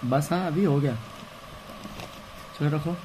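A man's voice: fairly high pitch, takes it slowly. Chatty young man, noisy home vlog. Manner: fond, chatty, scolding a toddler playfully. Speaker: family vlogger. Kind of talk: casual home vlog chat. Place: home room with babies. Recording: noisy home phone recording.

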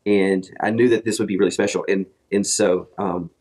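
A man's voice: sits low, fairly even intonation, normal speed, darkish tone. A man telling a long story in casual chat, rambling with restarts and quoting others. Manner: rambling, with many restarts and acted quotes. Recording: played clip from a podcast.

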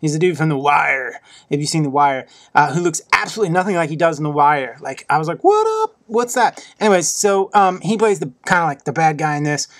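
A man's voice: a little high, quick pace, few pauses, a bit bright, dry recording. Young man, casual movie review, crude jokes, silly voices, dry close sound. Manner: profane, jokey, slips into silly put-on voices. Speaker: Blu-ray reviewer.

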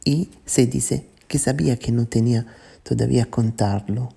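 A woman's voice: a bass voice, normal speed, gravelly, dark tone, breathy edge. A woman host narrating a chat animation story as a simple retelling. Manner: simple retelling with plain quoted lines. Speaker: channel host.

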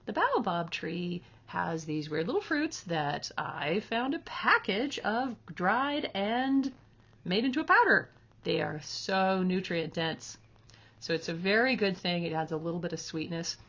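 This host, a woman in her thirties, runs a casual, upbeat kitchen demo at home, talking through each step as a counter-mounted camera records. Her voice sits on the low side, expressive and fairly bright, delivered at a measured pace.

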